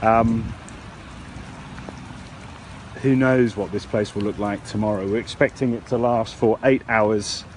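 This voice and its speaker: A man's voice: lowish voice, fairly even intonation, moderate pace. Male reporter live in noisy wind and rain. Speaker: TV or online news reporter. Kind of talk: live unscripted storm report to camera. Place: outdoors near a hotel in a storm. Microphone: phone held by the speaker. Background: storm ambience.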